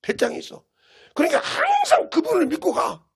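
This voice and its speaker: A middle-aged male pastor from South Korea, preaching emphatically and swinging between loud bursts and hushed asides. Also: extremely high pitch, wildly swooping pitch, moderate pace, creaky. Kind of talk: sermon.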